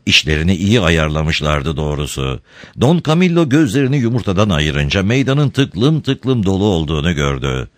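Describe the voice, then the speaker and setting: Deep-voiced man reading a story expressively. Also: very animated, moderate pace, dry recording, studio quality. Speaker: narrator.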